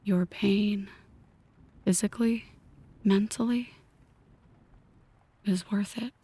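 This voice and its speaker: Speaking to a single listener in a deliberate, intimate, breathy whisper, a woman voices a possessive, brooding mafia boss for ASMR roleplay. The medium-pitched voice stays steady and mellow, setting a somber, seductive mood.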